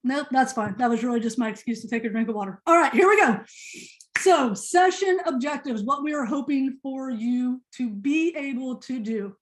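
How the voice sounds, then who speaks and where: A woman presenting a teacher workshop on a video call, fast-talking and chatty, joking with her audience. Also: high voice. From Indiana. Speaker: professional development presenter.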